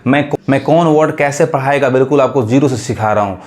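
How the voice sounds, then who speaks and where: A man teaching English phonics to beginners in a Hindi accent, asking questions and repeating each word slowly. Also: mid-range voice.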